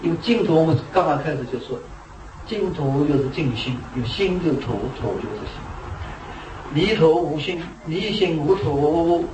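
A man's voice: fairly high pitch, animated, normal speed. Man giving a Buddhist talk from far off. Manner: storytelling, asks rhetorical questions. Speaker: Buddhist teacher. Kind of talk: dharma talk. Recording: echoey room, distant mic, noisy.

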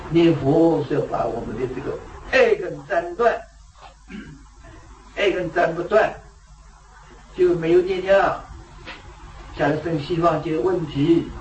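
Guy giving a buddhist talk, kinda high voice, echoey room, mic far off. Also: darkish tone, lo-fi sound, slight background noise. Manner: storytelling, asks rhetorical questions. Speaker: Buddhist teacher. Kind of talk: dharma talk.

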